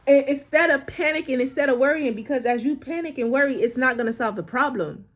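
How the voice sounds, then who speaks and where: A woman's voice: high voice, fast talker. Tearful woman giving a faith testimony. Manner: emotional, repeats phrases for emphasis. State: close to tears. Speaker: vlogger sharing a faith testimony. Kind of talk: casual personal testimony.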